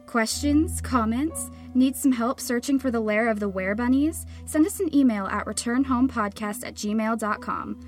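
Female credits announcer, scripted outro, fairly high voice over a music bed. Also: moderate pace, hardly any pauses.

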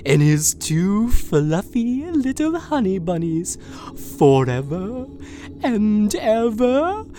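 A woman's voice: mid-range voice, big pitch swings, takes it slowly, warm tone. Woman voicing a sing-song unhinged captor. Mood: sweetly creepy. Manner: sing-song coaxing that erupts into screaming rage. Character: unhinged possessive captor, sweetly menacing villain. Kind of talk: audio drama monologue.

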